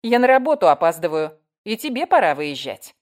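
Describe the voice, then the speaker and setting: A woman's voice: lowish voice, big pitch swings, brisk. Sarcastic teasing woman, as a reader puts her on. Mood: mocking. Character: mocking sharp-tongued woman editor, teasing. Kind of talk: audiobook reading.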